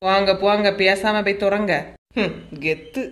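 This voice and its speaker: A woman's voice: mid-range voice, fairly even intonation, a little slow, a bit bright, lightly acted. A woman with a Kanyakumari Tamil accent voicing a bossy, tough young wife in a cartoon comedy, scolding her husband in a commanding way.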